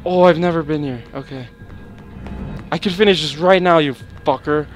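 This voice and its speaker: A young man playing a horror game, swearing, panicking and yelling at what chases him. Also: a little high, normal speed, faint music behind. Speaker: gameplay streamer.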